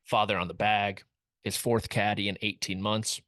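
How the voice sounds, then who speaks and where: A man's voice: on the low side, little pitch movement, moderate pace, fairly bright tone, no room sound. A young man hosting a casual comedic sports recap, wry and rambling with jokey asides, recorded close in a small studio. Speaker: host.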